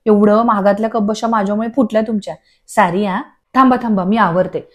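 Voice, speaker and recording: A woman's voice: medium pitch, steady tone, brisk, lightly acted. Woman playing a fussy melodramatic mother. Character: fussy clumsy mother, middle-aged woman.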